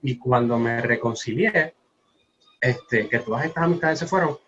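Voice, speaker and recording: A man tells a personal story on a podcast, earnest and reflective, letting his phrases fade away quietly. The sound is a little dull and muffled, with a faint hiss of background noise underneath. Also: medium pitch, moderate pace. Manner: earnest, reflective, often trailing off softly. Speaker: podcast co-host. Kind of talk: personal testimony in a casual podcast chat.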